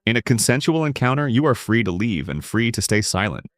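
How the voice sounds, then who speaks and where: A man giving scripted narration that explains legal rights in a measured, emphatic way. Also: mid-range voice, very animated, no echo, clean studio sound.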